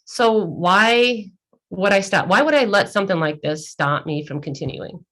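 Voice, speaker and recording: A woman's voice: mid-range voice, expressive, moderate pace, fairly bright tone. A middle-aged woman guest telling a candid, emotional story in an interview, easily sidetracked. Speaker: guest entrepreneur.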